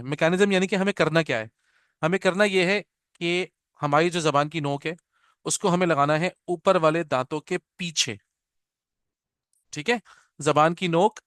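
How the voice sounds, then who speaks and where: A man's voice: a little high, a bit bright, no echo, clean studio sound. A man teaching Quran pronunciation in an online class, patiently explaining and repeating "theek hai na", slipping into English phrases and drawing out letter sounds to demonstrate them. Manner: mixes English phrases into Hindi-Urdu.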